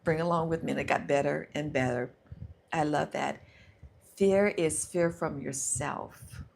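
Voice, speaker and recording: Woman, middle-aged, live stream host, low-pitched, encouraging, faint background noise. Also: fairly even intonation, a little slow, gravelly. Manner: warm encouraging, talks to herself aloud, reads viewer comments. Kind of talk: casual motivational live stream. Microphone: handheld or clip mic.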